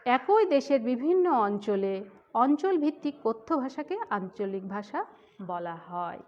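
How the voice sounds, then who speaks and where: A woman teacher from the Khulna region gives a grammar lesson in a fairly high voice. She goes step by step, repeats each point and puts questions to her class. The recording is dull and muffled. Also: slight background noise. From Khulna region of Bangladesh.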